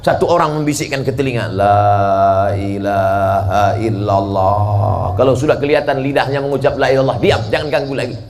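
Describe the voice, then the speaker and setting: A man preaching a dawn sermon in a mosque, lively and joking, who bursts into shouts and draws out chanted Arabic phrases. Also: medium pitch. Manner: animated, jumps to shouting, playful jokes, drawn-out chanted Arabic.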